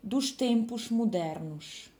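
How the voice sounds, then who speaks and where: A woman's voice: a little high, expressive, takes it slowly, dark tone. A woman reading a dictation, saying each phrase twice and calling out the punctuation. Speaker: dictation teacher.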